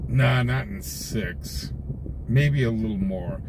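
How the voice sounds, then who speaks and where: An American livestream host and scanner-chasing reporter talks casually with viewers from inside his car while out on patrol. He tells rambling anecdotes in a lowish voice at a slow pace, and the raw stream carries loud vehicle noise.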